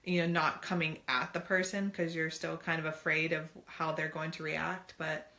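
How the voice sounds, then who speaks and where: A woman's voice: deep voice, flat delivery, moderate pace, pushed and bright. A woman co-hosting a family talk show, chatting earnestly and putting on playful voices for quotes. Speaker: co-host. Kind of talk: casual chat.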